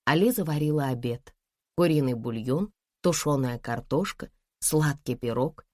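Low calm woman reading aloud. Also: moderate pace, no room sound, clean studio sound. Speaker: narrator. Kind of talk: audiobook narration.

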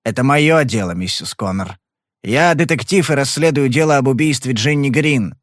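A man's voice: medium pitch, animated, moderate pace, no room sound, clean studio sound, pitched above the performer's own voice, lightly acted. A man playing a blunt, probing detective. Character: cool, persistent male private detective.

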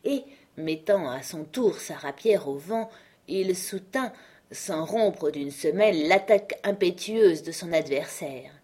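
A woman narrating a classic novel aloud in a measured, expressive reading. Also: lowish voice, husky.

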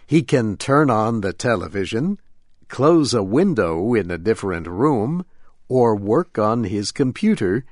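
Slow, lively-voiced male news narrator. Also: fairly low pitch, dry recording, studio quality. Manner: deliberate, carefully paced reading. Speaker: program narrator.

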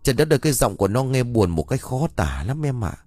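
A man's voice: mid-range voice, big pitch swings, fast, darkish tone, dry recording. A man voicing a usually fearless village husband who is now uneasy and bewildered, speaking hesitantly in an audio ghost story. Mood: troubled.

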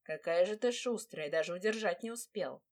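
A woman voicing a possessive dark half-blood mage, a young groom with gruff, growled retorts. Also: fairly low pitch, animated, moderate pace.

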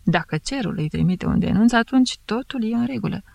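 A woman's voice: a little high, expressive, creaky, a little mellow, no echo, pitched above the performer's own voice. A woman voicing a jovial male investigating judge who teases and mocks, with a thick voice. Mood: bantering. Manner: bantering, mocking.

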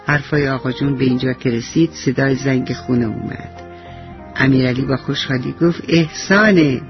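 A man narrating a children's story in an unhurried way to young listeners. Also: medium pitch, level tone, dull audio, over music.

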